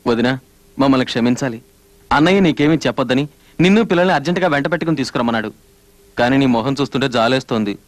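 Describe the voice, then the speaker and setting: Brash excitable younger brother, talks super fast, high voice. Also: male voice, dry recording, full character voice. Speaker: younger brother in a family film. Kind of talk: Telugu film dialogue.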